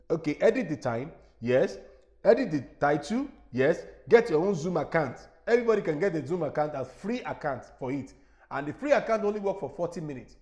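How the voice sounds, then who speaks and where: A man with a Nigerian accent giving an instructional webinar as an evangelist, animated and repetitive, often checking whether his listeners follow. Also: fairly high pitch. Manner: animated, repetitive teaching with rhetorical questions.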